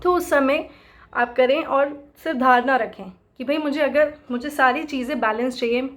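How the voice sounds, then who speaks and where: A woman teaching how to chant, explaining slowly, patiently and with repetition. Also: sits high, a bit bright. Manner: slow, explanatory, fond of repeating herself. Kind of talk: spoken instruction mixing Hindi and English.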